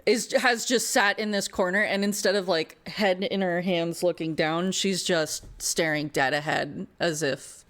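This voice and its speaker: A woman running a tabletop fantasy game, narrating descriptively with pauses as game master. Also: fairly low pitch, fairly bright tone.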